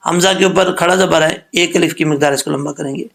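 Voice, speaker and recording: A man giving a Quran recitation lesson, who explains each rule patiently and slows down to model the sounds. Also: on the high side, steady tone, vocal fry, fairly bright tone.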